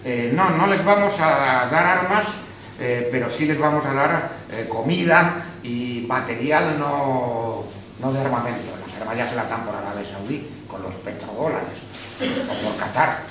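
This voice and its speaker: A man with a Spanish accent gives his views at a public debate after a screening, pausing and restarting as he goes. He sounds far from the microphone in a very echoey hall. A noisy room hum sits under his voice. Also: mid-range voice, fairly bright tone. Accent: Spanish from Spain. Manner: hesitant, with restarts, opinionated. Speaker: speaker at a public discussion. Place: hall of a social club.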